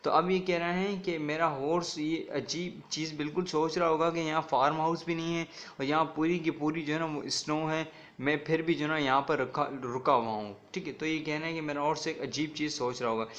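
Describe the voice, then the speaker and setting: Teacher mixing Hindi-Urdu and English. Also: male voice, a little high, steady tone, a bit bright, highs cut off. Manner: mixes Hindi-Urdu with English, repeats "ठीक है ना" often; reads English lines slowly, then explains them. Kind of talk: classroom lesson explaining an English poem. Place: recorded video lecture.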